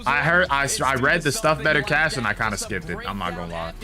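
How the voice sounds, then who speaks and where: A man hosting a live-stream watch party, chatting casually with slang and quick self-corrections. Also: mid-range voice. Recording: loud match broadcast crowd behind. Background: esports broadcast audio with crowd.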